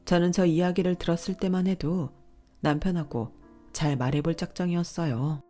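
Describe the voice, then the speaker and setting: Calm woman narrator, first-person story, confiding, slightly low voice. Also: brisk, soft background music.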